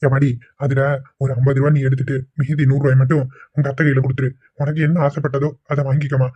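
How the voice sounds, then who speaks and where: A man's voice: medium pitch, level tone, quick pace, mellow, breathy edge, no room sound, lightly acted. A man voicing a kind, reformed middle-aged father-in-law in a cartoon, speaking affectionately. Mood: coaxing. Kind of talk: amateur cartoon voice acting. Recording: dry, tinny phone-like sound.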